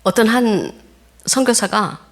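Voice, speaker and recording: A woman pastor preaching a sermon, telling stories in an animated way and acting out the voices of the people in them. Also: on the high side, slow. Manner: animated storytelling, laughs often, acts out quoted voices.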